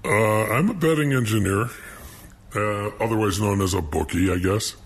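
An older man speaking through a deep, pitch-lowered disguise as an anonymous bookie, answering interview questions in a halting way with many fillers. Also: slightly rough.

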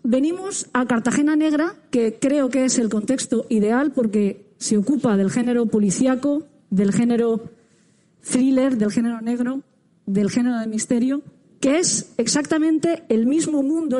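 A woman's voice: high voice, a little slow, warm tone. A woman with a Spain Spanish accent, muffled by a face mask, moderates a round table as podcast host with a formal, courteous welcome. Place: stage at a public event with an audience.

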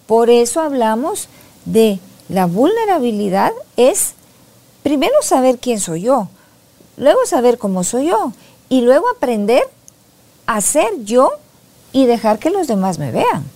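A soft-spoken woman psychologist talking reflectively in a casual podcast conversation. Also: on the high side, big pitch swings, measured pace. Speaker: psychologist guest.

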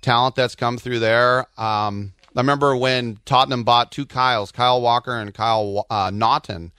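Smooth-voiced man chatting casually about sports. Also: medium pitch, steady tone, moderate pace, bright, forceful tone, dry recording, clean studio sound. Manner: digressive, anecdotal. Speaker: soccer commentator and co-host.

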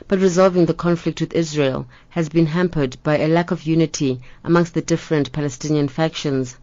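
A woman's voice: low-pitched, darkish tone, no room sound, highs cut off. A woman narrating a scripted news report.

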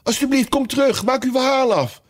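A man's voice: mid-range voice, big pitch swings, moderate pace, darkish tone, voice pushed up. A man reading a storybook aloud, voicing a curious and polite young girl who talks earnestly and pleads. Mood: pleading.

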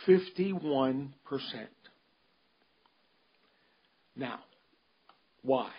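A man giving a casual solo recap of a golf tournament, pausing often with ums and restarting his sentences. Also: mid-range voice, animated, husky, dull audio. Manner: halting, many ums and restarts, measured. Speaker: golf commentator. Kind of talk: unscripted solo commentary.

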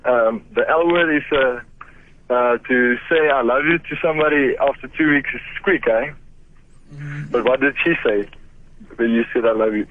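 A South African man with an Afrikaans accent talks on a noisy phone line. He sounds shaken and agitated, scolding bluntly in a mid-pitched voice with halting starts. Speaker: prank call victim, protective brother.

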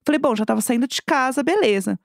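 A woman's voice: high voice, expressive, quick pace, creaky, no room sound, clean studio sound. A young woman, telling a story in casual podcast chat and acting out the voices of the people in it. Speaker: podcast co-host.

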